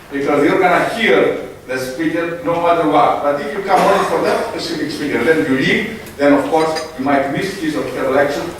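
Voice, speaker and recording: A man's voice: a little high, fairly bright tone. A man giving joking, digressive opening remarks as conference organizer in a hall. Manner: joking, digressive, non-native English. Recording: echoey hall from far off, noise.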